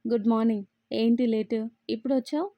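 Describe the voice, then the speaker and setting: A woman voicing a teasing, excitable young man in a storybook reading. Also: on the high side, brisk, dry recording, lo-fi sound, lightly acted. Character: young man Aditya, teasing, loud-reacting friend. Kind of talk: storybook read-aloud.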